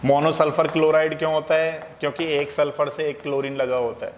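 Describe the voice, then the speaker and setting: A man's voice: fairly high pitch, fairly even intonation, brisk. A man teaching a chemistry lesson in a classroom lecture style, explaining step by step and asking and answering his own questions. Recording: echoey room with faint background noise.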